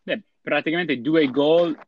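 A man's voice: on the high side, a little slow, a little hiss or hum. A man giving casual football analysis as a panelist, recorded in slightly dull, lo-fi sound. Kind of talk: casual sports analysis chat.

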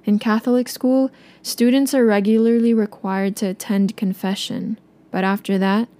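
Soft-spoken young woman telling her story. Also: medium pitch, fairly even intonation, moderate pace. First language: Tagalog. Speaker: narrator. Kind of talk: personal story narration.

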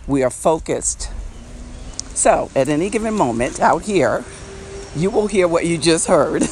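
Male podcast host, slightly high voice, reflective and repetitive delivery, recorded outside with faint street noise. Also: expressive, unhurried, a little mellow. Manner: reflective, repeats phrases, laughs often. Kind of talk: casual unedited podcast monologue. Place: outdoors by a street. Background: traffic and street noise.

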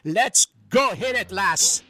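A man's voice: high-pitched, animated, slow pace, pushed and bright, no room sound, pitched above the performer's own voice, heavily acted. A man voicing a boisterous old Irish bagpiper who calls everyone lad and lass. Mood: flirty, joking. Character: jolly old Irish bagpiper man leading a marching band. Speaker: comic character on a radio show.

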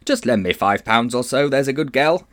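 A man voicing a vain, pompous old male magician with a wheedling, old-fashioned gentleman's manner. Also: medium pitch, animated, moderate pace, close to an everyday voice. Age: older.

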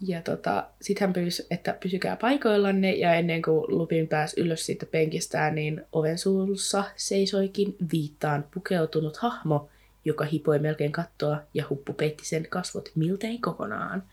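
A woman's voice: low voice, fairly even intonation, darkish tone, breathy edge. Woman casually retelling a story. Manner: rambling retelling with frequent fillers. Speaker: podcast co-host. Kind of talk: casual book discussion with read-aloud passages.

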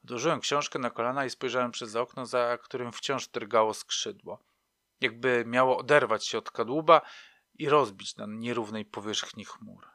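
A man's voice: medium pitch, normal speed, sharp tone, no echo, studio quality. A man reading a novel aloud in a reflective, wry storytelling manner. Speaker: narrator. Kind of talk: audiobook narration.

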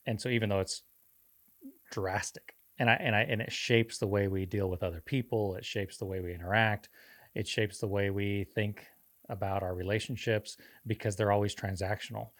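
A man's voice: lowish voice, steady tone, moderate pace. A man co-hosting a podcast, explaining faith in an earnest, preacher-like way. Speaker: podcast co-host. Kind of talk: casual faith discussion.

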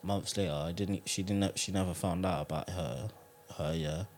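Deep-voiced young London roadman chatting. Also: fairly even intonation, moderate pace, darkish tone, a little hiss or hum. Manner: slangy street talk with tags like bruv and innit. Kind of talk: casual chat, storytelling.

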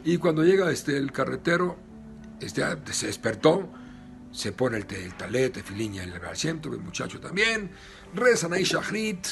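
Un rabino con acento mexicano que narra una historia con animación y muchos "este". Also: male voice, mid-range voice, normal speed, creaky, soft background music. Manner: lively retelling with many "este" fillers. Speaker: rabbi. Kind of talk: storytelling.

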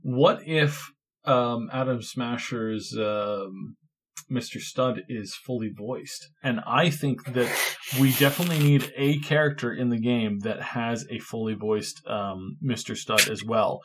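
A man's voice: mid-range voice, a little slow, slight background noise. A man co-hosting a podcast in casual chat, playful and rambling, with many fillers. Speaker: podcast co-host.

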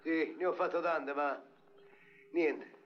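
A man's voice: fairly high pitch, fairly even intonation, slow pace. An actor playing a wily, sickly male crook who complains of his liver, cheeky and mock-polite, in a dubbed film comedy. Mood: whining. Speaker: fugitive. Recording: lo-fi old film soundtrack.

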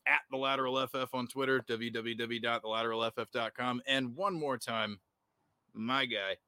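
Excitable, bright-voiced male podcast host. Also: mid-range voice, dry recording. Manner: excitable, exaggerated, dramatic complaining. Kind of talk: casual podcast chat.

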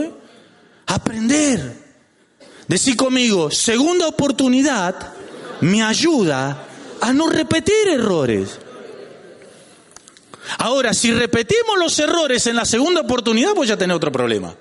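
A man with a Rioplatense accent preaching a lively sermon as pastor, joking and calling out to his congregation. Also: very high-pitched, normal speed. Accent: Rioplatense Spanish. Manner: animated, calls out to the congregation, jokes. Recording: long hall reverb.

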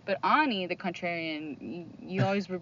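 A woman's voice: lowish voice, moderate pace, a bit bright. A giggly woman chatting casually with friends on a podcast. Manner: giggly, reads aloud from her phone. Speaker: podcast guest. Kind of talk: casual chat. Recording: dull lo-fi sound with faint noise.

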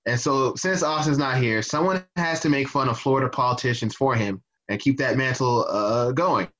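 A man's voice: mid-range voice, normal speed, a bit bright, muffled recording. A man co-hosting a casual podcast, rambling through political chat with frequent fillers, restarts and profanity. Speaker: podcast co-host.

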